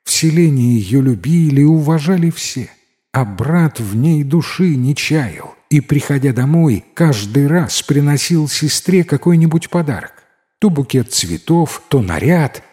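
A man narrating a fairy tale in an expressive, dramatic storytelling manner. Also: on the high side, measured pace. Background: faint music.

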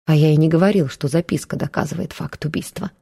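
A woman voicing a calm, steely man who speaks quietly and measuredly, in an audiobook. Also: low-pitched, normal speed, vocal fry, husky, exaggerated voice. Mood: cool.

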